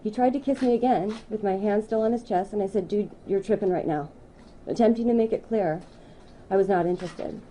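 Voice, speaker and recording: A woman in her thirties reading a prepared statement at a news conference, in a measured, deliberate way. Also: medium pitch, warm tone, slight background noise, rough recording.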